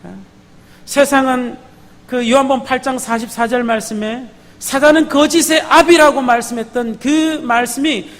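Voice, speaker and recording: A man's voice: very high voice, steady tone, moderate pace. A man preaching a sermon as pastor, emphatic, often asking the congregation for a response. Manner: emphatic, calls out to the congregation with repeated "예?". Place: church sanctuary. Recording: long hall reverb, faint background noise.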